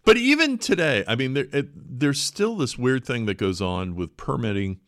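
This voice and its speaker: A man's voice: medium pitch, big pitch swings, moderate pace, fairly bright tone, no echo, clean studio sound. A man hosting a radio interview, with a conversational manner full of chuckling asides. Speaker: radio show host. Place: radio studio.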